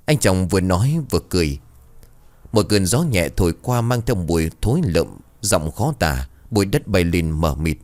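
Male horror narrator, low and expressive, dramatic storytelling. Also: moderate pace.

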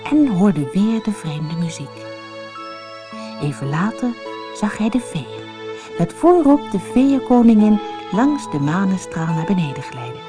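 A woman narrating a fairy tale for an audiobook in a slow, expressive storytelling manner. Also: medium pitch.

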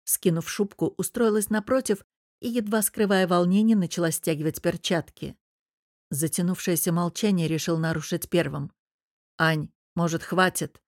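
A woman narrating a first-person novel as an audiobook in an even, measured way. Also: lowish voice, no room sound, clean studio sound.

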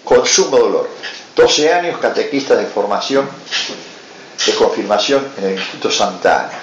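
A man's voice: fairly low pitch, expressive, moderate pace. Man with an Argentine accent, echoey lecture. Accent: Argentine Spanish. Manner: tells anecdotes, acts out dialogue, adds "¿eh?" asides. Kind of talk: storytelling conference talk. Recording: roomy, dull lo-fi recording with faint hiss.

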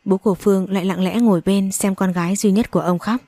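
A fast-talking narrator with a mellow, mid-range voice and steady tone reads a dramatic storybook aloud. She gives each character emotionally charged acted dialogue, and the recording carries no room sound.

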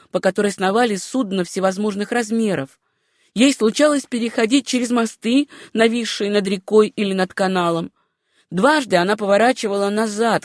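A woman reads a novel aloud at an even, unhurried pace, her voice sitting in a middle register. The recording is dry and close, with no room sound at all, as in a studio audiobook. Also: medium pitch, no room sound. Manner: measured, unhurried reading. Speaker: audiobook narrator. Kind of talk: scripted narration of a novel.

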